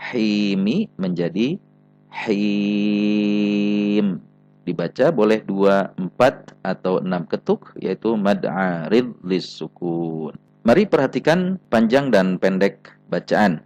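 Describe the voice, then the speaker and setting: A man's voice: low-pitched, very animated, a little slow, a little mellow, dull audio. A man with an Indonesian accent teaching Quran recitation, patiently repeating example sounds with careful stress. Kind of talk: slow spelled-out recitation lesson.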